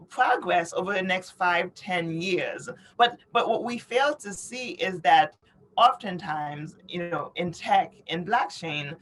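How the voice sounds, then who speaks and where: Poor audio captures this Haitian-born, New York-raised author and advocate, a middle-aged woman speaking at medium pitch. As an interview guest she explains things earnestly, sprinkling in "you know" and "right?".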